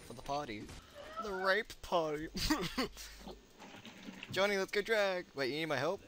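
A man's voice: sits high, lively intonation, slow pace. A young man chatting and joking as he plays a video game, teasing his friends and laughing often. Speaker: gamer recording a let's play. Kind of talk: casual gaming chatter. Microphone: desk mic with friends talking nearby. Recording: noisy room with chatter behind. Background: friends laughing and shouting.

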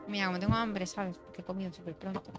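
Talking fast with fairly even intonation, a young woman streamer keeps up casual chatter and muttering as she games. Her pitch sits in the middle, and she occasionally slips into a mock ASMR hush. The recording sounds slightly dull, and faint music plays.

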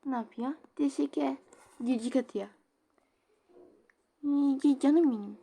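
Brief: giggly female game streamer, slightly high voice, unhurried delivery, reads chat aloud. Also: gravelly, dark tone. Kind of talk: casual gameplay commentary.

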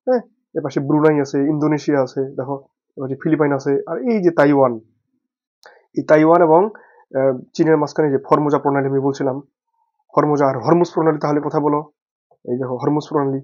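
A man's voice: a little high, a little mellow. A man teaching a geography lesson for exam study from a map, asking questions and answering them himself. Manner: has the listener say names aloud. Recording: dull lo-fi recording.

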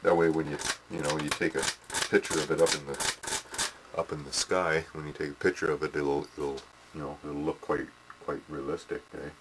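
A man's voice: a bass voice, little pitch movement, moderate pace. A middle-aged man casually demonstrating a hobby model build in a small workshop, rambling with lots of fillers and "eh" tags. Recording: noisy home camcorder audio.

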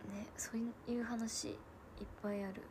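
A woman's voice: a little high, little pitch movement, moderate pace, noisy background. Chatty young woman telling family stories. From Japan. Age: 20s. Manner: chatty storytelling, answering comments, frequent laughs and soft asides. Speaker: livestream host. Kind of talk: casual livestream chat.

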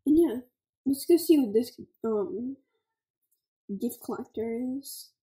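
A woman's voice: high voice, takes it slowly, warm tone, roomy sound, rough recording. A young woman, giving chatty, scattered gameplay commentary full of "like" and "okay" as a gaming channel host.

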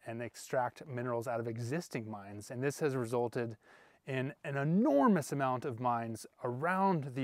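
A man in his thirties hosting an investing vlog outdoors, explaining in an earnest, steady way while walking on a lapel mic. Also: mid-range voice, dry recording. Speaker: investing channel host. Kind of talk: walking talking-head vlog. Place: outdoors in a small desert mining town. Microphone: lapel mic, selfie-held camera.

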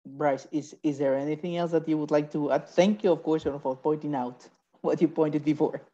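A man's voice: on the high side, fairly even intonation, moderate pace, dark tone, lo-fi sound. A man with a non-native English accent, hosting a webinar with polite, hesitant, filler-heavy speech. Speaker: webinar moderator. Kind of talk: webinar moderation. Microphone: video call.

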